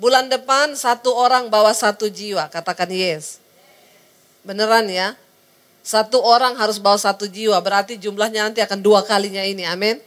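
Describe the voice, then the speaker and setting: A woman's voice: mid-range voice, steady tone, normal speed. A woman preaching a sermon, telling stories, acting out the people in them and calling the congregation to say amen. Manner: sings short hymn lines within the story; calls the congregation to answer amen.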